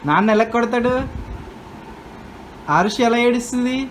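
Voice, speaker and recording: A woman's voice: a little high, moderate pace, slight background noise. Young mother coaxing her toddler. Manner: coaxing, repetitive sing-song questions. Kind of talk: playful questioning of a toddler.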